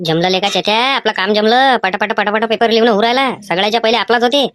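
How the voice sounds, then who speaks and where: A woman's voice: fairly high pitch, fast talker, fairly bright tone, no echo, natural voice. A woman voicing a cheeky, whiny cartoon schoolboy. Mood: mischievous. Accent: Vidarbha Marathi. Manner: whiny, pleading, mischievous. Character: cheeky young schoolboy cheating in an exam. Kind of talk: animated cartoon voice acting.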